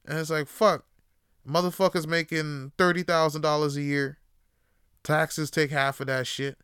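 A podcast host from Toronto, Canada, delivers a solo casual rant full of profanity in a smooth, dry voice with little pitch movement, at normal speed and with no echo. He rambles, swinging between loud outbursts and low musing.

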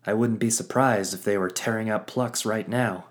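A man's voice: lowish voice, steady tone, moderate pace, pitched above the performer's own voice, natural voice. A man voicing a weary, no-nonsense male ship captain. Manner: exasperated, commanding. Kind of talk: audio drama character acting.

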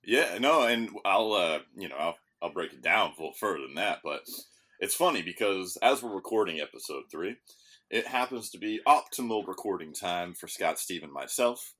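A man with a low voice hosts a casual podcast. He rambles from topic to topic, swears freely and restarts his sentences, talking into a studio microphone. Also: animated, moderate pace, fairly bright tone. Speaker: podcast host.

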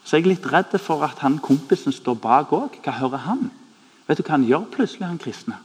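A man preaching a sermon, telling stories animatedly, acting out the people in them, and dropping to a hushed voice at times. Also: a little high, breathy edge. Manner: animated, acts out quoted voices, drops to hushed tones. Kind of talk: sermon with storytelling. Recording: echoey hall, long reverb.

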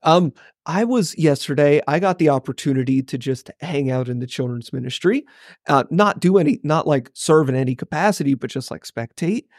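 A man, a pastor co-hosting a church podcast, telling stories in a wry, lively, casual way. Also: fairly high pitch, normal speed, no echo, studio quality. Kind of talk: casual conversation.

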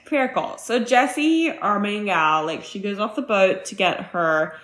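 A woman's voice: mid-range voice, measured pace, a bit bright. A woman co-hosting a podcast, chatting casually and laughing a lot as she acts out quotes. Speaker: podcast co-host. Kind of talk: casual recap chat.

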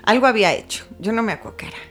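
A woman's voice: fairly high pitch, rapid-fire, soft background music. A middle-aged woman, chatting casually and acting out quotes as she tells stories. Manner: animated storytelling, acts out quotes. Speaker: guest. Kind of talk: casual chat.

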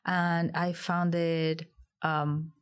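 A woman from Peru, a guest artist in an interview, speaking thoughtfully with frequent pauses and fillers. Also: lowish voice, flat delivery, clear, resonant tone. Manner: hesitant, thoughtful, many fillers. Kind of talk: interview conversation.

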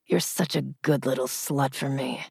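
A woman voicing a cocky, dominant young man in an audiobook, speaking in a low murmur. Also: lively intonation, slow pace, dry recording, studio quality, exaggerated voice. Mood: husky, commanding.

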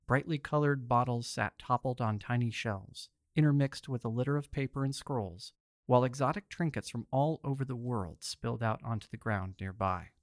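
A man's voice: medium pitch, normal speed, no room sound, studio quality. Theatrical male horror-story host. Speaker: host and narrator. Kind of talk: scripted story narration.

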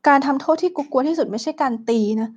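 A woman's voice: sits high, fast talker. A young woman from Thailand co-hosting a podcast, outspoken and crude, dropping English words into casual chat. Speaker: podcast co-host.

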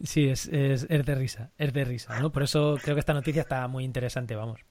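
A man from La Mancha, hosting a podcast and explaining news in casual chat with quick restarts. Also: medium pitch, steady tone, darkish tone, dry recording. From La Mancha, Spain. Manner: fast, enthusiastic explaining with restarts. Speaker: podcast host.

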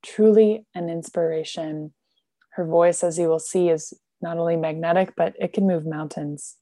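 A woman hosting a talk podcast, speaking warmly and effusively. Her voice sits low and mellow, with a dry, close sound. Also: no echo. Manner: effusive, heartfelt introductions. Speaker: host. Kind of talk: podcast conversation.

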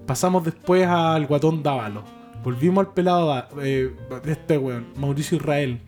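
A man's voice: a little high, normal speed, a little mellow, soft background music. A young man with a Chilean accent, co-hosting a casual podcast and telling rambling, slangy stories with frequent laughs. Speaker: podcast co-host. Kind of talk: casual chat. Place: home living room.

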